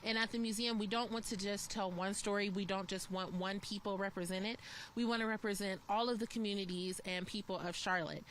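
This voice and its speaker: A woman speaks as a museum executive in a news interview. She answers in an earnest, measured and articulate way. Faint ambient noise sits behind her. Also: mid-range voice, a bit bright.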